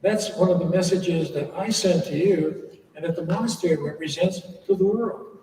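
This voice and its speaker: An older American monk with a high but dark-toned voice gives an informal talk to an audience in a church hall, at a moderate pace. He is chatty, telling stories with humorous asides. His voice comes from far off in an echoey hall, with slight background noise.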